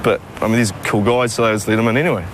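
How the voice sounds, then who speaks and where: A man, recalling stories in an animated way during a documentary interview. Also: on the low side, very fast. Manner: animated storytelling, acts out other people's speech. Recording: loud traffic noise outdoors.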